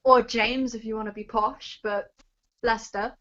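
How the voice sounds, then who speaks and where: A woman's voice: fairly high pitch, steady tone, a little slow, a bit bright. Giggly woman guest on a lo-fi call. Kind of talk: casual livestream chat.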